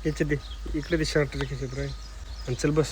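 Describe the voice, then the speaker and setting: Speaking quickly with fairly even intonation, a man with a somewhat high voice narrates a casual vlog, and a little hiss or hum is audible. He's outdoors on a farm and in a village, talking directly to viewers through a handheld phone.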